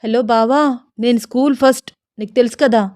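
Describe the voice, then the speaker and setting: A woman's voice: fairly high pitch, fairly even intonation, brisk, a little mellow, no echo, studio quality, close to an everyday voice. A woman voicing a shy, nervous young newlywed wife who sounds coy and pleading.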